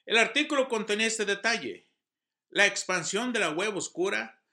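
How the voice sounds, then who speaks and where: A man's voice: high-pitched, expressive, normal speed, pushed and bright. A man giving an earnest devotional sermon, reading scripture and news with emphasis. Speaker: preacher.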